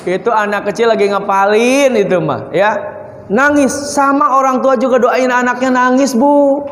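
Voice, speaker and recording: High-voiced preacher in an echoey hall. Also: male voice, moderate pace, a bit bright, a little hiss or hum. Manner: playful, acts out scenes and chants verses. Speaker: preacher (ustad). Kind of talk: lively sermon for children.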